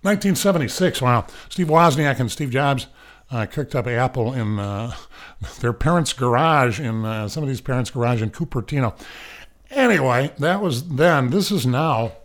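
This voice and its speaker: A man's voice: mid-range voice, animated, normal speed. Male radio host, casual news rundown from a studio, loose and jokey, lots of fillers. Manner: rambling, wisecracking asides.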